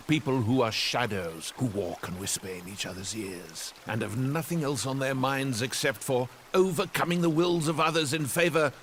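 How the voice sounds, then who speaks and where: An actor dubbing a calm, dry-witted male emir in a historical drama. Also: mid-range voice, slight background noise, close to an everyday voice. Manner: dry, pointed. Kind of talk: English dub of a historical drama.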